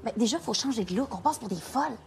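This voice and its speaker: A woman's voice: on the high side, animated, fast, vocal fry, noisy background. An actress playing a bold, teasing young woman with a Québécois accent in film dialogue. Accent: Québécois French. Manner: brash and teasing. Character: bold, cheeky young woman hunting for a prince. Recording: music underneath.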